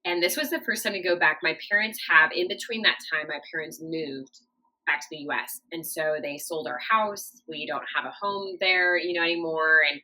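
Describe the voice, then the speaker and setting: Guest: woman, 30s, from Japan, low voice, bright tone, chatty storyteller. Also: normal speed, low-quality recording. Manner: chatty, warm storytelling with frequent fillers. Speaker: podcast guest. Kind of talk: casual interview talk.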